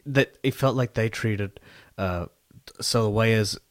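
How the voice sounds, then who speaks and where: A man chatting casually with halting, tentative phrasing. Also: on the low side, dry recording, clean studio sound. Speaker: conversation partner posing questions. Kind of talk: casual chat.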